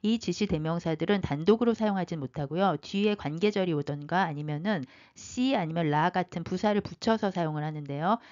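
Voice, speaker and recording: A woman teaching French in a patient, explanatory way, slowly reading out the French phrases. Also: fairly low pitch, highs cut off. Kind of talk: explaining a lesson.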